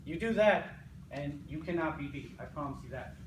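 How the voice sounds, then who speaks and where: A man's voice: a little high, lively intonation, normal speed. An American man, an army sergeant, giving a motivational pre-game speech in an emphatic, repetitive way, often checking in with "right?". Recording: echoey, noisy room, distant mic.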